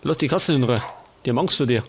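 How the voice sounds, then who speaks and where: A man's voice: mid-range voice, racing, noisy background. A man with a Bavarian accent casually commenting on a life-sim game as a let's play host, chatting and grumbling at the characters.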